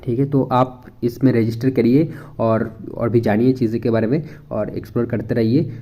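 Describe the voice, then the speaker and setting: A young man from India talks viewers through a website in an easygoing, conversational way. His voice is very dark and mellow. He thinks aloud as he goes, mixing Hindi and English and pausing on fillers. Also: medium pitch, steady tone. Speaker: education YouTuber. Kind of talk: casual screen walkthrough.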